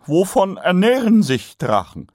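A man voicing a curt, dismissive male merchant in a raised, high voice. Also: wildly swooping pitch, measured pace, darkish tone, no room sound, studio quality, exaggerated voice.

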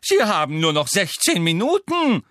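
A man voicing a fussy elderly male examiner who is easily outraged, fretting in slow, indignant tones. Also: sits high, sing-song, pushed and bright, dry recording, clean studio sound, pitched above the performer's own voice, full character voice.

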